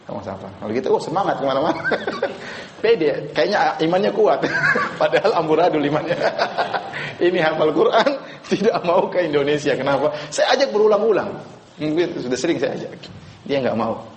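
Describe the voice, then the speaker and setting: A man's voice: a little high, lively intonation, normal speed, a little hiss or hum. A man preaching a religious lecture to a live audience, casual and joking, quizzing the listeners. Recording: echoey room.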